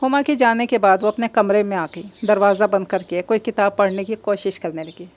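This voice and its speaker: A woman narrating a romantic novel as an audiobook, steady and gentle. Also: medium pitch, a little fast.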